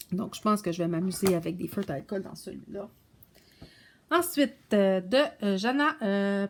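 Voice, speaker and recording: Lady chatting about her coloring books, soft and low-key, sometimes nearly whispering. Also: creaky. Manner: soft-spoken, stumbles over English titles, drops to near-whispers. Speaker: coloring book vlogger. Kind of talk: casual show-and-tell chat.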